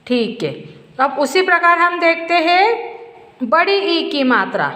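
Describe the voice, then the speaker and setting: Woman teacher, high voice, very slow, repeating for small children, echoey room. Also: sing-song, bright, forceful tone. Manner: slow, drawn-out and repetitive, asking questions and answering them herself. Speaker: primary school teacher. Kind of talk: slow Hindi letter-and-matra lesson for first graders. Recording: echoey room with long reverb.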